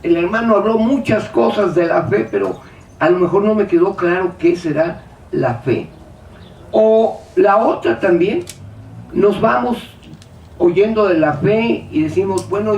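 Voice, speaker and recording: A man's voice: high voice, measured pace, dull audio. A man preaching a sermon, firing rhetorical questions and acting out the doubts of his listeners. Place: church hall. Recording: echoey hall, speaker far from mic.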